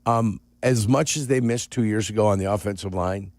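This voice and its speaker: A man's voice: lowish voice, brisk, a little mellow, no echo. A man co-hosting sports talk radio, blunt and opinionated.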